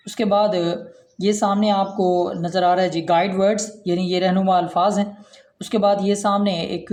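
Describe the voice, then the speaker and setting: A man's voice: high voice, darkish tone. Teacher man in an echoey room. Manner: reads English lines slowly, then explains in Urdu. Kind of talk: textbook lesson explanation. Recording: roomy echo.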